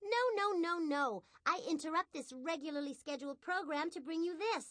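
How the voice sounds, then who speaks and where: A woman's voice: extremely high pitch, moderate pace, heavy background noise. A woman voicing a bossy, smug young girl character in an educational cartoon game, with an imperious, theatrical delivery. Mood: exasperated.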